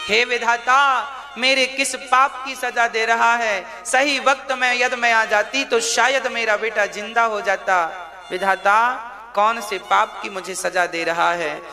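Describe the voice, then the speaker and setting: A grieving young mother cries out and pleads in a lamenting voice, as a male preacher puts her on. The voice sits high and unhurried. A long hall echo trails behind it over clear instrumental music. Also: steady tone, heavily acted. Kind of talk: devotional storytelling.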